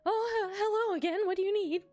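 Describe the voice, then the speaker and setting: Woman putting on a nervous, stammering young lady scientist, high-pitched. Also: a little fast, darkish tone, no echo. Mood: nervous, flustered. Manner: stammering, hesitant.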